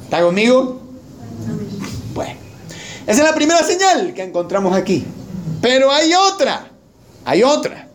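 Animated, high-pitched male preacher. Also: normal speed, long pauses, slight background noise. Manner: animated preaching, mocks with dramatic put-on prayers. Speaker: pastor. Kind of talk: sermon.

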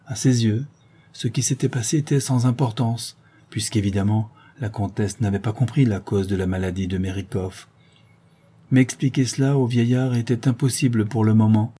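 A man reading a classic novella aloud as narrator in a measured, literary way. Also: fairly low pitch, warm tone, breathy edge.

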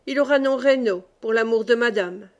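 A woman's voice: on the high side, normal speed, highs cut off, lightly acted. A woman reading the part of a proud, ill-tempered medieval knight who speaks in curt commands. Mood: disdainful.

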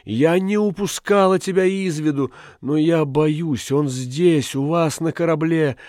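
A man reading aloud voices a devoted young wife in a storybook, soft and pleading. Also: fairly high pitch, unhurried, no room sound, clean studio sound, pitched above the performer's own voice, close to an everyday voice. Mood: pleading tender.

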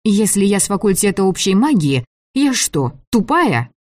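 Feisty young female magic student, indignant and quick to flare, a man reading her in a pitched-up voice for an audiobook, dry and close. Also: very animated, a little mellow, no room sound. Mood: defiant.

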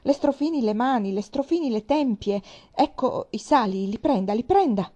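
A woman's voice: a little high, moderate pace, warm tone, lo-fi sound, pitched above the performer's own voice, lightly acted. A woman reading aloud voicing a composed young heroine who gives urgent, commanding instructions in a crisis. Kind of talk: audiobook character voice.

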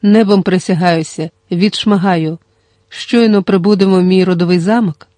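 A reader voicing a young male nobleman who slowly makes blustering, tearful threats. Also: medium pitch, steady tone, dark tone, no room sound, natural voice.

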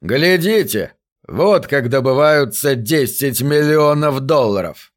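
A man voicing a brash, gloating male space adventurer who mocks loudly in an audiobook reading. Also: medium pitch, animated, takes it slowly. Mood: mocking. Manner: loud, mocking, laughing.

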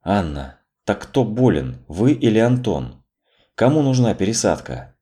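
A man's voice: lowish voice, sing-song, a little mellow. A man reading aloud voicing a composed adoptive mother who questions coolly and speaks firmly. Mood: probing. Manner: cool, probing, measured. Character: composed older adoptive mother, firm and wary.

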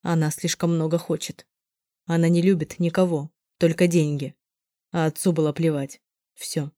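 A woman voicing a young man who talks quietly and urgently to a friend in an audiobook. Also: deep voice, flat delivery, moderate pace, no echo, studio quality, natural voice.

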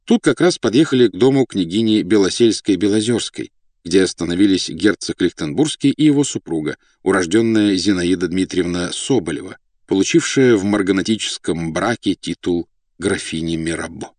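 Male audiobook narrator, low-pitched, dry studio sound, measured delivery. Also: animated, darkish tone, no room sound. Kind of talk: scripted narration.

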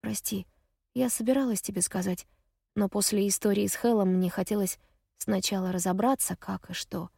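Within an audiobook, a guarded older sister speaks in a soft, unsteady, hushed voice, as the woman narrating puts her on. The sound is close and dry, with no room around it. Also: mid-range voice, steady tone, normal speed, vocal fry, slightly rough, no room sound. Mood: apologetic.

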